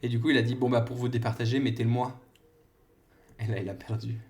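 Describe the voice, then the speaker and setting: A man's voice: mid-range voice, flat delivery, fast talker, darkish tone. A man co-hosting a casual podcast, telling a story in a rambling way with fillers and self-corrections. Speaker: podcast co-host. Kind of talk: casual chat. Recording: echoey room.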